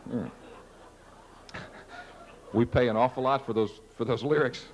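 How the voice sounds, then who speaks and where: A man's voice: medium pitch, fairly even intonation, unhurried, some chatter behind, a little hiss or hum. A man giving a casual, self-deprecating presentation to staff at a company meeting, acting out lines from ads. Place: large conference hall. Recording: long reverb of a large hall.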